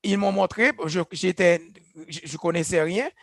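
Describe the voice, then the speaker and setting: A man's voice: high voice, normal speed, a bit bright, dry recording, studio quality. A man, a church leader giving an earnest, reflective personal testimony about leadership. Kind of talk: speaking on leadership. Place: church gathering.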